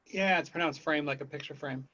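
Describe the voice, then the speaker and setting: A man's voice: mid-range voice, a little fast, a bit bright, highs cut off. A man asking a candidate a question on a video call, rambling as he searches for his words.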